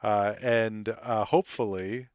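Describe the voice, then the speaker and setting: A man game master speaks slowly in a smooth, clear voice, pausing often with ums and uhs. The sound is dry and a bit dull, like a modest home mic. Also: on the low side, fairly even intonation, a little mellow, no echo. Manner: measured, with frequent ums and uhs. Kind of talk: tabletop role-play narration and character voicing.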